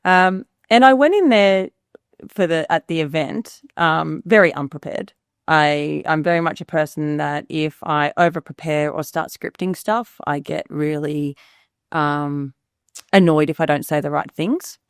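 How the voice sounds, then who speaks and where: Chatty woman, slightly gravelly. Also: low voice, a little slow, no room sound, studio quality. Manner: chatty, acts out quoted dialogue, frequent fillers. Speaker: podcast guest, business founder. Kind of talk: candid conversational storytelling.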